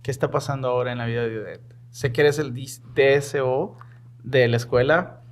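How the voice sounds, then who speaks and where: A man hosting a podcast interview, gently prompting his guest with questions. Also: medium pitch, moderate pace. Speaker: podcast host. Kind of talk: conversational interview.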